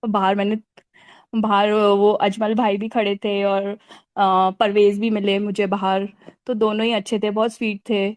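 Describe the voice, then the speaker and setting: A woman in her forties telling an animated story about meeting celebrities, laughing often and mixing in English phrases. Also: mid-range voice, unhurried, dry recording, studio quality. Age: 40s. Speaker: fan recounting a celebrity meeting. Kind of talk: casual storytelling.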